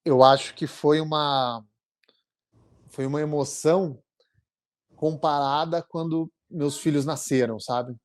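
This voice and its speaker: A man in his forties with a Brazilian Portuguese accent, telling his story as an interview guest in a halting, earnest way with many restarts. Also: on the high side, fairly even intonation. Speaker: interviewee, immigration client. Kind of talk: emotional conversational storytelling.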